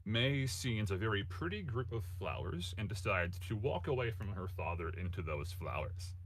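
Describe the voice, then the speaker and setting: A game master with a low voice narrates the scene in a lively way, often stumbling and correcting himself. The mic is close and the sound is dry. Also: male voice, no room sound. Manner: halting, self-correcting narration.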